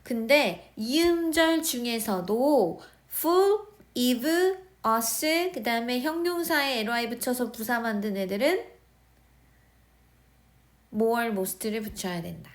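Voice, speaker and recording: A woman's voice: a little high, lively intonation. A woman teaching English grammar in a recorded lesson, speaking with a Korean accent, explaining step by step and often checking that students follow. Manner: slow, explaining, repeating words and checking understanding.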